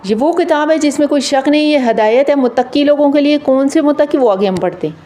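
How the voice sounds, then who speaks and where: Female recitation teacher, from Pakistan, patient and methodical, drawn-out demonstrations, warm dark tone. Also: high voice. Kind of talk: Quran recitation lesson.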